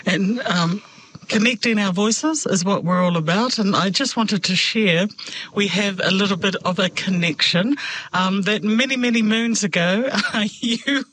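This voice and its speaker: A woman hosting a conversational interview, speaking in a measured, hesitant way with frequent pauses. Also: medium pitch, fairly bright tone, slight background noise. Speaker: interview host.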